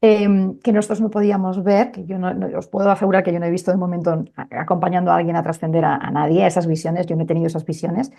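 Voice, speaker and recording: Gravelly, mellow-voiced woman doctor. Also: on the low side, level tone, fast talker, few pauses. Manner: conversational storytelling with many fillers. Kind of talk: telling a personal story in an interview.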